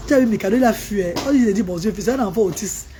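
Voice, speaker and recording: Talking rapid-fire in a mid-range voice, a woman runs a relaxed live stream while a child sits next to her. She stays animated, turning from her viewers to coax the child, and there's a little hiss or hum on the recording.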